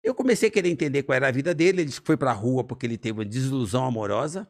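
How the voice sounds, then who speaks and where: Middle-aged São man, business owner and guest storyteller; fast, animated, gravelly. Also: mid-range voice. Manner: animated, lively storyteller who acts out dialogue. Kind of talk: personal storytelling in a conversation.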